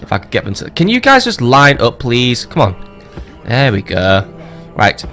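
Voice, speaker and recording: A man's voice: medium pitch, wildly swooping pitch, moderate pace, a bit bright, faint music behind. A man casually commentating on his strategy game as a let's play host, rambling with joking, swearing asides.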